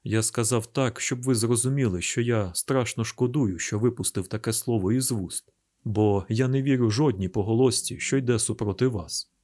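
A troubled grown son speaks to his father with restraint and earnestness, voiced by a man. His husky voice sits at an ordinary pitch in this audiobook drama. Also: moderate pace, a little mellow, lightly acted. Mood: apologetic.

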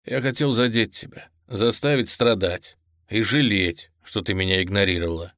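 Man playing a gruff, curt young man. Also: fairly low pitch, normal speed, fairly bright tone, dry recording, clean studio sound, natural voice. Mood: bitter. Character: blunt, gruff young man, whispering harshly.

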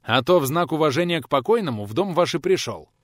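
A gruff, irritable old pensioner barks brusque orders, as a man acts him out. His delivery is lively in pitch and recorded dry and close. It is an audiobook reading. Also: fast talker, no room sound, lightly acted. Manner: brusque, commanding.

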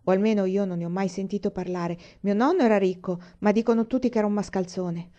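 A woman's voice: mid-range voice, steady tone, quick pace, mellow, lo-fi sound, close to an everyday voice. A woman voicing a blunt, stubborn orphan girl with a gloomy, matter-of-fact way of talking, read as an audiobook.

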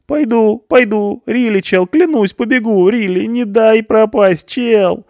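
A shrill, squealing teenage punk boy, whining and begging in street slang from behind bars. His voice jumps far above the reader's own and swings wildly. It is loud and near-shouting in a storybook reading. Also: animated, a little slow, creaky, no echo, studio quality, heavily acted. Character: panicky whiny teenage punk boy in jail.

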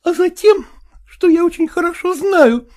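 A man's voice: very high-pitched, expressive, a little slow, darkish tone, voice pushed up. A man voicing a jealous, tearful woman who presses her lover with reproachful questions, reading an audiobook.

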